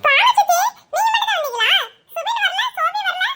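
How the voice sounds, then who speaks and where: A woman's voice: extremely high pitch, lively intonation, brisk, bright, forceful tone, full character voice. A woman voicing a chatty, affectionate young daughter in a cartoon.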